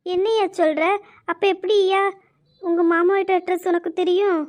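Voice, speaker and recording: A woman voicing a fond, teary old grandmother who dotes on her grandchildren and scolds them gently. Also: very high-pitched, fairly even intonation, moderate pace. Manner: affectionate, shy, scolding. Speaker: grandmother character. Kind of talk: web drama voice acting.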